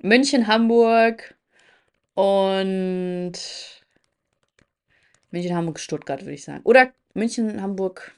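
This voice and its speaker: A woman podcast host in casual chat, telling stories in a lively, slangy way. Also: mid-range voice, slow pace, pauses often, clear, resonant tone. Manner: lively, chatty anecdote-telling with colloquial slang.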